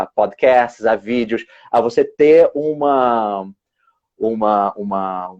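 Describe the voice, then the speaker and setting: A man's voice: medium pitch, a little mellow. A man, an English teacher and exam examiner explaining on a live stream, often restarting his words. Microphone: video call. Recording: dull lo-fi video call audio.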